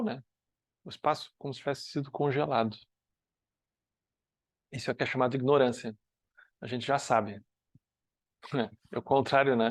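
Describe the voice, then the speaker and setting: Brazilian man giving a relaxed dharma talk. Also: mid-range voice, no echo, clean studio sound. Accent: Brazilian Portuguese, northern (uses "tu"). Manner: conversational, often asks "né?", with dips to soft quiet asides. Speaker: Buddhist study group teacher. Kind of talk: relaxed spoken teaching talk.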